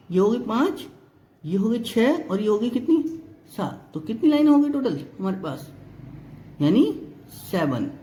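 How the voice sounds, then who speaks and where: A man's voice: extremely high pitch, warm tone, echoey room. A male reasoning teacher giving an exam-prep lesson, explaining step by step, counting items aloud and often checking whether students follow.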